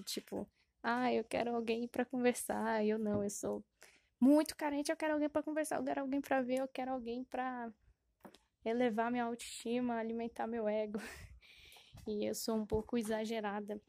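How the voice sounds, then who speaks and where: A woman hosts a casual solo podcast, rambling, correcting herself, using lots of fillers, and often laughing at herself in a self-deprecating way. Her voice is on the high side, gravelly and mellow. The recording is dry, with clean studio sound.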